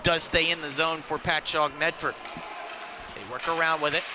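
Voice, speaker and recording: Live ice hockey commentary comes from a man whose slightly high voice keeps a steady tone at normal speed, his clipped phrases following the play. The mic picks up plenty of noisy rink ambience.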